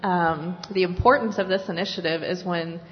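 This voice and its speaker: A woman in a large hall gives a measured explanation during a panel Q&A. Her lowish voice carries a long reverb. The sound is dull and lo-fi. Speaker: partner organization spokesperson. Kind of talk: panel Q&A answer.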